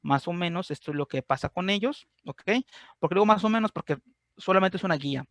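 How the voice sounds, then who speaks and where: A man's voice: high-pitched, quick pace, fairly bright tone, no echo, studio quality. A man with a Mexican Spanish accent giving an informal class on grief, explaining step by step and often checking that his listeners are following. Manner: chatty, constantly checks in with listeners. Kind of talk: informal online class talk.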